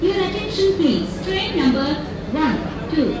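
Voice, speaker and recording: High, slow woman on a station loudspeaker. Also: very animated. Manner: slow, measured, drawn-out delivery. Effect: railway station loudspeaker announcement. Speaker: station announcer. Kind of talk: formal public announcement. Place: railway station platform. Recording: muffled loudspeaker over loud station noise. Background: loud station ambience.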